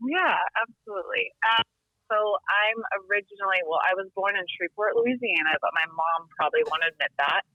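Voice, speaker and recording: Medium-pitched and a bit fast, with a sharp tone and no room sound, a Texas-born woman in her 30s joins a podcast from home in Littleton, Colorado. Her casual interview chat is peppered with ums and laughter, and the remote call-in line gives it a dull, dry quality.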